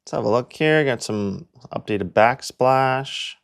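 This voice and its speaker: A mid-range, expressive male voice comes through slowly and smoothly, with some vocal fry. It belongs to a young real estate agent and video host from Canada doing an easygoing walkthrough, rambling along with plenty of "like" fillers.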